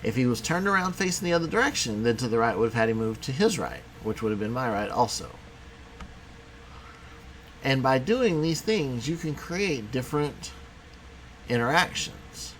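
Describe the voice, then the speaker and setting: A man teaching a programming lesson in a casual, conversational way, talking as he clicks through software. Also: medium pitch, expressive, normal speed, a little hiss or hum. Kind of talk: screen-recorded coding tutorial.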